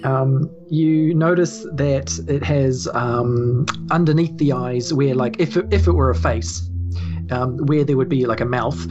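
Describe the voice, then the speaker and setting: A woman with a New Zealand accent and a bass voice casually narrates a tabletop game as game master, speaking a little slowly in an informal, hesitant way. The recording is slightly dull, with background music playing behind her.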